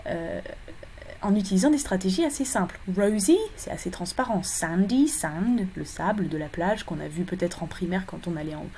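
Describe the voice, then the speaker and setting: A woman's voice: lowish voice, expressive, normal speed, warm tone, slight background noise. A woman teaching English phonology in a recorded lecture for exam preparation, explaining step by step with frequent fillers and self-corrections.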